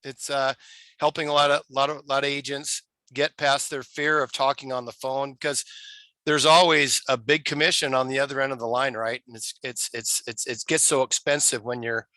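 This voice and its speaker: A man's voice: medium pitch, flat delivery, normal speed, bright, forceful tone, no echo. A man on a video call, enthusiastically explaining a sales training session. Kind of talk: casual video call chat.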